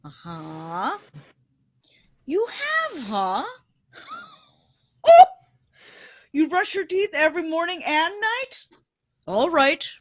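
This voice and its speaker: A woman's voice: very high voice, wildly swooping pitch, very slow, long pauses, no echo, studio quality, full character voice. A woman playing a jolly old male Santa Claus taking phone orders, cheerful and chuckling in a live radio-play reading.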